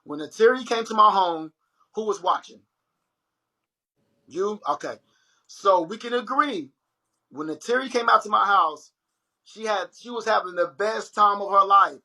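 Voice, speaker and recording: Husky bright-voiced man, livestream chat. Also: high voice, unhurried, pauses often, poor audio. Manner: animated storytelling, addresses viewers as y'all. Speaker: livestream host. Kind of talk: casual chat.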